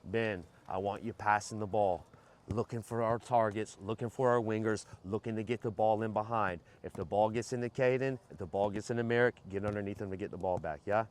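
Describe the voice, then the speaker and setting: A man's voice: lowish voice, fairly quick. A man coaching a soccer team in a pep talk, giving instructions, repeating key points and checking that players understand. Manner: checks understanding with short questions. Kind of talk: pre-game and halftime pep talk to a team.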